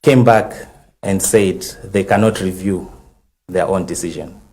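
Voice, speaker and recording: A man with a Zambian English accent, speaking as legal counsel on a TV panel and methodically recounting a timeline with many pauses and fillers. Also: sits low, darkish tone. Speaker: legal counsel for a conservation group. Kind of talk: studio TV panel discussion.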